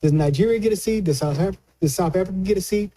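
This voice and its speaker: A man acting as a news analyst offers political commentary in a chatty, colloquial way, stumbling a bit and often repeating words as he explains. His voice is high-pitched and mellow.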